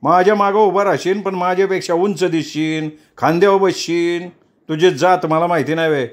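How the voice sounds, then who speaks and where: A man voicing a brash, loud middle-aged politician who mocks and scolds. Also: sits high, fairly even intonation, moderate pace, pitched above the performer's own voice, lightly acted. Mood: scornful. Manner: loud, scornful, teasing.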